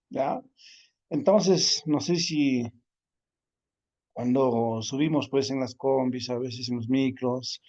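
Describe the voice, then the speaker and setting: A man's voice: medium pitch, darkish tone, highs cut off. A man teaching a language class, repeating each word patiently and checking in often with his students. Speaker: Quechua teacher. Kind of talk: online class lesson.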